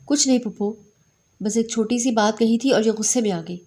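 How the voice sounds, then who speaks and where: A woman voicing a calm, determined young man who speaks in a composed way. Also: fairly high pitch, lightly acted.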